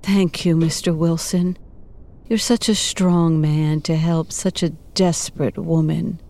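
An actress playing a coy, sultry married client in a parody noir audio drama, speaking softly. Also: female voice, low-pitched, steady tone, slow. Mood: breathy pleading. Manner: soft-voiced, coy.

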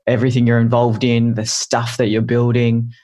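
A man's voice: mid-range voice, completely flat delivery, normal speed, mellow. A man hosting a podcast interview, asking questions in an encouraging tone. His voice sits in a middle register. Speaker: podcast host. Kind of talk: interview conversation.

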